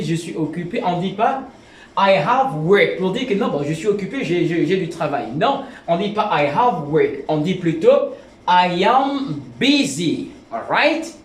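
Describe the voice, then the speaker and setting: Teacher type, man, high lively voice, echoey room, repeats himself. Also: a little hiss or hum. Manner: repeats phrases, slow careful English examples; stammers and restarts. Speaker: English teacher. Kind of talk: video language lesson.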